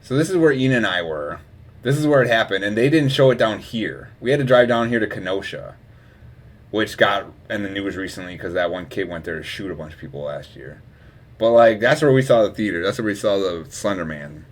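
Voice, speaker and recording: This Wisconsin streamer, a young man, chats casually and drifts between asides with frequent laughter. Speaking brisk and expressive in a fairly low voice, he alternates loud bursts with muttered stretches.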